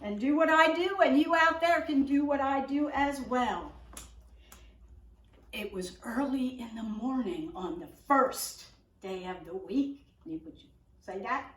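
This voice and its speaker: A woman pastor telling a children's Bible story in a gentle, unhurried way, recorded in a church with the mic far off. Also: sits high. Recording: echoey room, mic far off.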